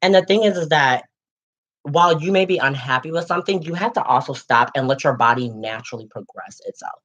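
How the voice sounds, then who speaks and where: A man's voice: fairly high pitch, brisk, fairly bright tone. A man in his late twenties co-hosting a casual chat, sassy and dramatic, calling listeners girl and honey. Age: late 20s. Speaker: co-host. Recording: dull lo-fi sound.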